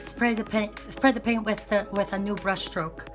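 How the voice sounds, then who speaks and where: A raspy-voiced woman, worn out with bronchitis, chats casually in an ASMR unboxing vlog, rambling and often correcting herself. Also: mid-range voice, fairly even intonation, moderate pace, over music. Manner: rambling, hesitant, self-correcting. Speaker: art supply vlogger.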